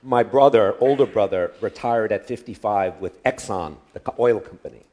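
A man giving a sermon as a guest preacher, speaking in short phrases and pausing for an interpreter. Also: fairly low pitch, darkish tone. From United States. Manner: short phrases with pauses for translation. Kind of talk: sermon delivered through an interpreter.

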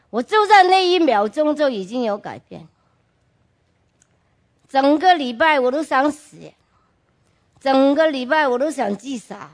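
A woman giving a personal testimony to a congregation in an earnest, emphatic way, often asking the listeners direct questions and dropping in English words. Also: sits high. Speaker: church testimony speaker.

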